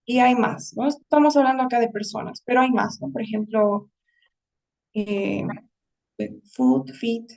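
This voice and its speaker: A woman's voice: on the high side, a little slow, creaky, darkish tone, far from the mic, low-quality recording. A woman English teacher giving a writing lesson, explaining patiently and often checking in with her students.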